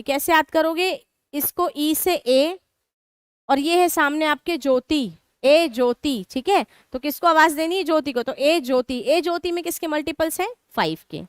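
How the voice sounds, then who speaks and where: A woman's voice: sits high, no echo, studio quality. A woman teaching a live online exam-prep class, mixing in English terms and asking students questions she answers herself. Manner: mixes Hindi with English terms.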